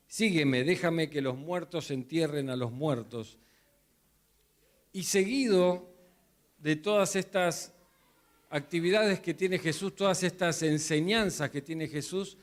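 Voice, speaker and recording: A man preaching a sermon, telling the story vividly and acting out the voices in it. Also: a little high. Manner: storytelling, acting out the disciples' cries and Jesus' replies. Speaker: pastor.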